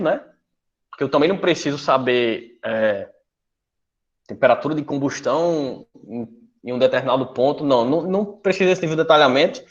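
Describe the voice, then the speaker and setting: A fairly high-voiced man with a Brazilian Portuguese accent walks listeners through a technical presentation. He talks in an explanatory way and keeps checking in with short tag questions. His voice comes through a video call with dull, lo-fi audio. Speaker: guest engineer presenter. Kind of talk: technical presentation in an online forum. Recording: muffled lo-fi online call audio.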